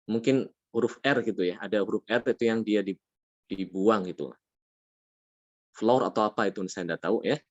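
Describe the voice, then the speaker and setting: A man teaching a tajweed class, patient, asking his students questions and drawing out Arabic words slowly. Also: on the low side, dry recording, dull audio. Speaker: Quran recitation teacher. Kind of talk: tajweed lesson.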